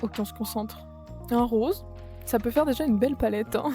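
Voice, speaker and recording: A young woman talks casually, filling her sentences with hesitations and quick self-corrections. Her voice sits a little high with a mellow, warm tone, and faint music plays underneath. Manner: chatty, lots of fillers and self-corrections. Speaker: YouTuber. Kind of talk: casual chat while playing a color game.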